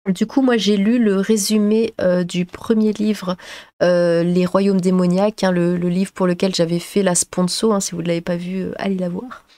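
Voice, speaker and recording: A woman's voice: on the low side, little pitch movement, moderate pace, warm tone, no echo. A woman chatting casually to her viewers, rambling with many fillers and hesitations, into a headset. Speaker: YouTuber.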